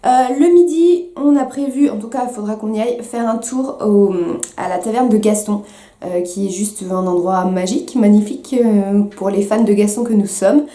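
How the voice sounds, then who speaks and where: A young woman chatting to camera as a vlogger, with many fillers and quick self-corrections. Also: mid-range voice, dark tone, reverberant. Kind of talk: casual chat to camera.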